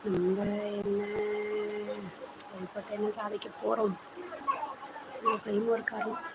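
A woman with a Thanjavur Tamil accent hosts a phone live stream at her usual pitch and talks in a chatty, rambling way. She teases her son off to the side. There is steady background noise behind her voice. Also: measured pace. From Thanjavur, Tamil Nadu. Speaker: channel host on a live stream. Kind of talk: casual live-stream chat. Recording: noisy home live-stream audio.

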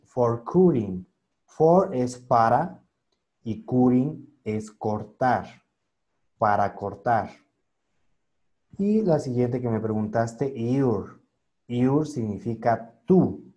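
A man's voice: medium pitch, expressive, extremely slow, pauses often, dark tone, lo-fi sound. A man teaching an online English class over a video call, patiently spelling out words and translating them.

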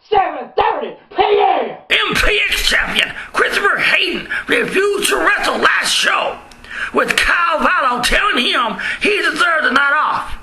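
Male wrestling promo announcer, loud shouted delivery, slow emphatic phrasing, echoey small-room sound. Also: very high voice. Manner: bellowing, hype-filled, emphatic. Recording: roomy, slightly distant, faint noise.

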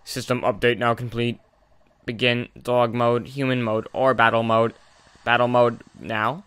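A man's voice: mid-range voice, little pitch movement, unhurried, a bit bright, clean tone, no room sound, natural voice. A man voicing a formal, mechanical robot dog monster in a beeping robot voice as he reads game dialogue. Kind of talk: reading game dialogue aloud.

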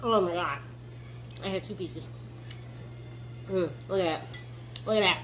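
A woman's voice: fairly low pitch, a little slow, a bit bright, slight background noise. A woman hosting a casual home cooking vlog, chatting to viewers as y'all and savoring her food with lots of mm sounds. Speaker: cooking vlogger. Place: home kitchen.

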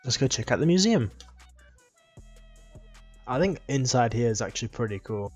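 A man's voice: mid-range voice, very animated, normal speed, breathy edge, muffled recording, faint music behind. A man hosting a gaming video with casual, playful gameplay commentary, chatty and jokey. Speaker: gaming channel host.

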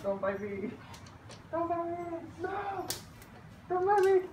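Young man, muffled inside a costume head, lively pitch, giddy exclaiming, roomy distant home recording, background noise. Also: takes it slowly. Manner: giddy, exclaiming, laughing often. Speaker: vlogger unboxing a fursuit. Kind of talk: casual excited chat.

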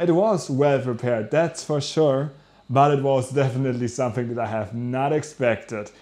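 A young man from Germany talking casually to camera as a vlog host, telling his story in an animated, rambling way with self-corrections. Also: mid-range voice. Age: young adult. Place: small rooms at home, indoors.

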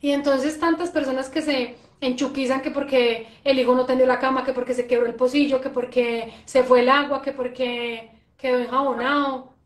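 High-voiced animated woman. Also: normal speed, hardly any pauses. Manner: animated, expressive, repeats phrases. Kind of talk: conversational interview. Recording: echoey room.

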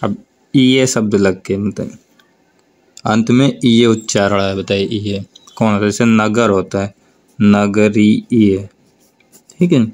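A man teaching a grammar lesson for board exams, explaining slowly and over and over telling students to look and answer. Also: lowish voice, steady tone. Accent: North Indian Hindi. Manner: slow, drawn-out explanation with repeated prompts to look.

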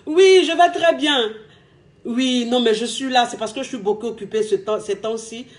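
A woman's voice: a little high, moderate pace, natural voice. A woman acting out a carefree woman breezily answering a call from a distant partner. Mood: breezy. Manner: airy, offhand, dismissive.

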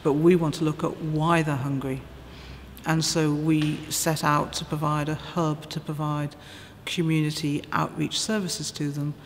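A woman's voice: sits low, little pitch movement, measured pace. A middle-aged woman, a food bank project manager, speaking earnestly and forthrightly in an interview inside a church. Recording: reverberant church with faint noise.

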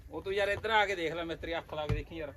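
A man's voice: a little high, rapid-fire, very noisy. A man with a Punjabi accent chatting and bantering informally with his mates while working outdoors. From Punjab, India. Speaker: vlogger doing bricklaying work. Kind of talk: casual work-site banter. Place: outdoors at a building job.

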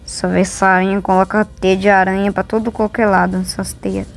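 A woman's voice: medium pitch, level tone, fairly quick, vocal fry, slight background noise. A woman with a Brazilian accent giving casual, exclamatory, complaining commentary as a gamer playing along.

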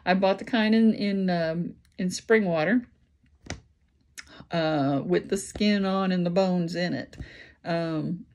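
A tired woman with a Midwestern American accent talks casually to her camera at home. Her voice sits a little low, and she rambles along with plenty of ums and self-corrections. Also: vocal fry, darkish tone. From Indiana, USA. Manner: rambling, many ums and restarts. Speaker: vlogger. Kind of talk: casual chat.

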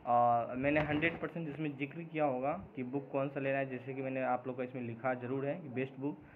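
A man runs a job-update channel and answers viewer comments in a loose vlog, rambling with lots of fillers and restarts and dropping in English words, and he admits he sometimes talks too fast. His medium-pitched voice stays fairly even, captured with phone-like quality and background noise.

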